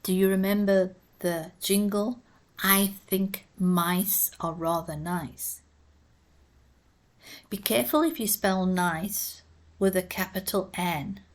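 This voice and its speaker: Slow, deliberate woman teaching vowels. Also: medium pitch. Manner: spells words out letter by letter. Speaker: English teacher. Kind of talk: slow, careful pronunciation lesson.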